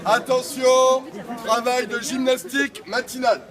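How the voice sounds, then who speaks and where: A man's voice: very high voice, flat delivery, measured pace. A man working as a town crier, theatrically declaiming messages and stories to a crowd in a playful, projected street-performer delivery. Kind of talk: theatrical public crying and storytelling to a crowd. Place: crowded school gathering. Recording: crowd chatter, live at a distance.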